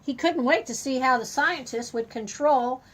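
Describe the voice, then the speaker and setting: Reading a story to a small child at a moderate pace, an older woman with a high voice plays the grandmotherly storyteller and adds simple, expressive explanations. The audio quality is poor.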